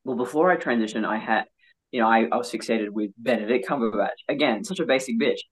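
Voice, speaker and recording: An interview guest with a male-sounding voice, telling personal stories candidly in an animated, self-mocking way. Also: mid-range voice, quick pace, breathy edge, poor audio. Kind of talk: candid personal storytelling in conversation.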